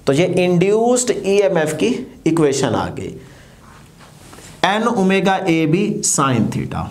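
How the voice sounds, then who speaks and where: Man, physics teacher, fairly high voice, step-by-step lecture, questions to the class. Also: very animated, slow pace.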